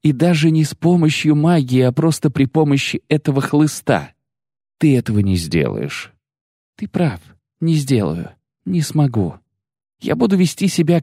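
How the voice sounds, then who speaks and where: A man reading an audiobook, voicing a proud, sharp-tongued sorceress who speaks with biting, bitter mockery. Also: mid-range voice, husky, no room sound, studio quality, voice pushed up. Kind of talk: audiobook character voice.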